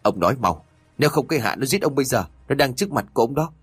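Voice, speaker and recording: A man's voice: fairly low pitch, lively intonation, a little fast, breathy edge, no room sound. A man playing a young village man who angrily threatens and demands answers. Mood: threatening. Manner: forceful, threatening.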